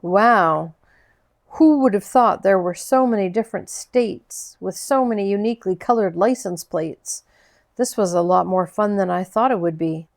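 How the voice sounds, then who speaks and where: Gentle woman reading a novel aloud. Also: medium pitch. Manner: gentle, unhurried storytelling with small slips. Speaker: audiobook narrator.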